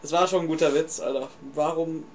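A man's voice: a little high, steady tone, fairly quick, darkish tone. A young man co-hosting a casual podcast chat, joking and teasing in a slangy way. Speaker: podcast co-host.

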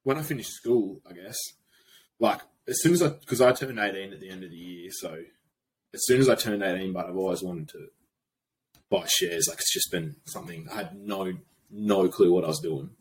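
A man's voice: low voice, normal speed, a little hiss or hum, poor audio. A young man with a broad Australian accent, a podcast guest chatting in a blokey, slangy, informal way. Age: young adult. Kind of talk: casual chat.

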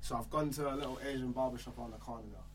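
A young man with a London roadman accent tells an animated anecdote in casual, slangy chat, repeating phrases for emphasis. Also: mid-range voice, rapid-fire, loud music behind the voice.

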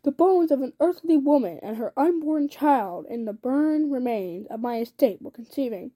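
A grim, otherworldly tall man from a storybook, read aloud by a woman. His lines come solemn and measured in a mellow, fairly high voice. He sounds stern and strange. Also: expressive, no room sound. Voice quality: oddly accented.

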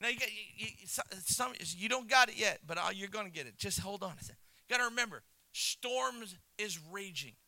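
A male missionary preacher delivering a sermon, telling the story with animation, chuckling between points and swinging into shouts. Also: sits high, lively intonation, fairly quick, no room sound, poor audio.

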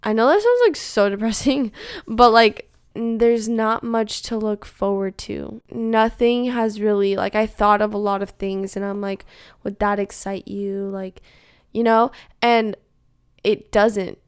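A young woman talks to camera from home in a loose, rambling confessional chat, leaning on "like" over and over. Her voice is strikingly smooth and crisp, and the sound is completely dry with no room echo at all. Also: medium pitch, unhurried. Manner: rambling, filler-heavy, says "like" constantly. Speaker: vlogger.

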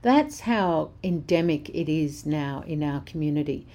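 An older woman hosting a social justice talk gives blunt, impassioned commentary in a conversational way, even as she's losing her voice. Her voice is deep, mellow and animated, and she speaks unhurriedly.

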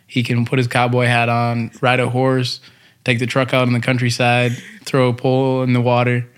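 A man's voice: mid-range voice, completely flat delivery, normal speed, smooth. A man from Texas with an American accent, chatting casually and slangily as a show co-host. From Texas, United States. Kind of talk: casual chat.

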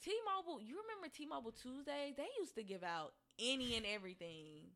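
A woman co-hosting a podcast in casual chat, animated and talking in quick asides with frequent laughs. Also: a little high. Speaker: podcast co-host.

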